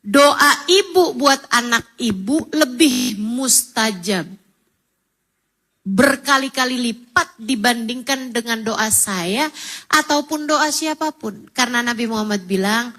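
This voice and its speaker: Bright high-voiced woman preaching. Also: rough recording. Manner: expressive storyteller, acts out tearful prayers and quoted people; pleads loudly and slowly in emotional peaks. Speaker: female Islamic preacher. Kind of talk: sermon to a women's gathering.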